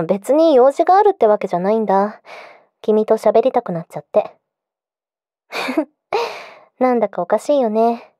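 Woman playing possessive yandere girlfriend, intimate pillow talk, soft mellow tone, clingy, coaxing, dry close recording. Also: a little high, sing-song, a little slow, long pauses, no echo. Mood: sweet, clingy. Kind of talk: intimate pillow-talk role-play for the listener.

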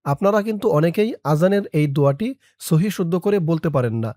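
A man teaching a prayer by chanting it word by word, then quickly explaining how to pronounce it. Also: on the high side, lively intonation, dark tone, no echo, studio quality. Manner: slow drawn-out chanting of each word, quick plain explanations between. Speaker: religious teacher.

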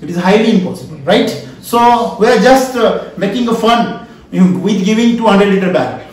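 With lively intonation at a moderate pace, a high-voiced lecturer with an Indian accent runs an interactive class, asking questions emphatically and repeating key phrases. A camera a few feet away records him in a small wood-panelled training room, where the sound is distant and strongly echoey.

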